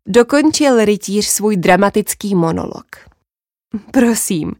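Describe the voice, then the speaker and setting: A woman narrating a first-person story in a lively, expressive way. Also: a little high, no room sound, clean studio sound.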